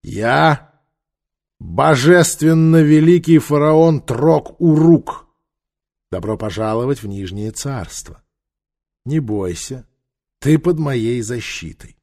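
A man's voice: mid-range voice, animated, takes it slowly, pauses often, darkish tone. A male narrator voicing a cruel, domineering pharaoh warlord who barks orders and threats. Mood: lordly. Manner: barking, commanding.

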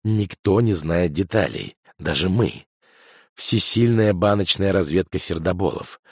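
A man reading a calm intelligence chief. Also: deep voice, a little slow, husky, no room sound, studio quality, full character voice. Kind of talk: audiobook character voice.

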